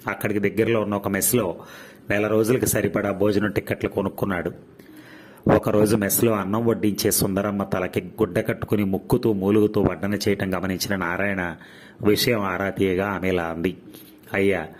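Husky-voiced man reading a story. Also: lowish voice, flat delivery, fairly quick. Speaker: story reader. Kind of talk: storybook narration.

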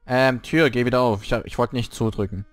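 A young man commentating a horror game he is playing, scared and swearing, his voice jumping up high when frightened. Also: steady tone, fairly quick, dry recording. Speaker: let's play gamer.

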